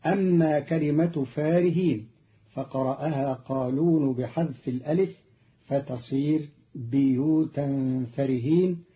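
Male radio teacher, fairly high voice, unhurried explanatory delivery, muffled old broadcast sound. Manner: measured, explanatory, with slow chanted quotations. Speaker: Quran recitation teacher. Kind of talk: radio lesson explaining recitation variants. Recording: dull lo-fi archival radio recording.

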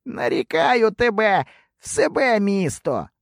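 A male audiobook narrator voicing a proud, angry older grand prince who speaks in a gruff, resentful way. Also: high-pitched, big pitch swings, takes it slowly, no room sound, clean studio sound, voice pushed up, heavily acted. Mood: grudging. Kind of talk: audiobook character voice.

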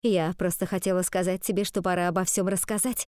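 A woman's voice: on the low side, steady tone, brisk, a little mellow, dry recording, clean studio sound, natural voice. A woman reading the part of a tearful dance teacher who pleads anxiously in a raised voice. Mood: pleading.

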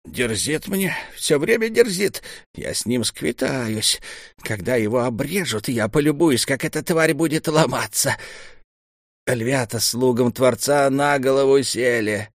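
A man's voice: medium pitch, lively intonation, unhurried, no echo, studio quality, pitched above the performer's own voice. A man voicing a spiteful, scheming old temple mentor who talks in a gloating, venomous hiss.

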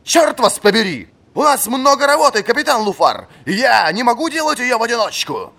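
A man reading an audiobook, voicing a gruff old male fencing marshal who barks commands at his pupil. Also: sits high, animated, normal speed, pitched above the performer's own voice, exaggerated voice. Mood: barking. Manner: barking, shouting commands.

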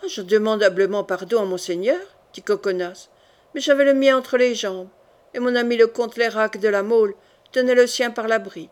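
A woman's voice: fairly high pitch, moderate pace, darkish tone, lightly acted. A woman reading as a cheeky young soldier. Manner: gallant, playfully insolent. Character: bold, cheeky young male soldier courtier.

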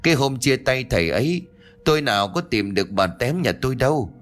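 A man's voice: mid-range voice, big pitch swings, fairly quick, fairly bright tone, soft background music, pitched above the performer's own voice. A man voicing a worried old village man who talks brusquely and scolds the young ones in a ghost story. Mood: weary.

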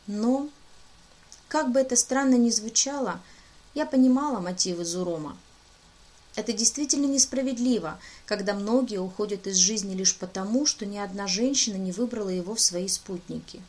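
Female audiobook narrator, middle pitch, reads in first person, gently voices dialogue. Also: moderate pace.

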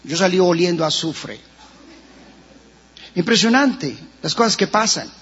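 A Colombian pastor, a man, preaches with a high, husky voice, his pitch leaping and falling. His words ring out in a long church reverb. The recording is muffled and dull. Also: lively intonation, measured pace, a bit bright. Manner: impassioned preaching with sudden rises and drops in pitch. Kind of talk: sermon. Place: church sanctuary.

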